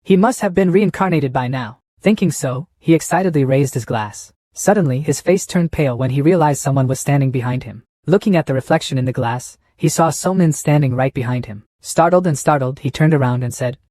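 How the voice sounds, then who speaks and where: A man reading a story recap in steady, plain scripted narration. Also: mid-range voice, brisk, hardly any pauses, no echo.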